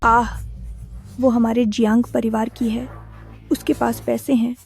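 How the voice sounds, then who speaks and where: A woman's voice: fairly high pitch, little pitch movement, measured pace. A woman dubbing a greedy, selfish old grandmother who gambles, in a whiny, pleading way. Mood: wheedling. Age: older. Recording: dubbed dialogue over loud music.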